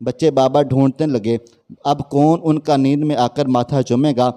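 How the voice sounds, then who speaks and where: A man's voice: medium pitch, fairly even intonation, dark tone. A man reading out a woman's sad first-person story as scripted narration.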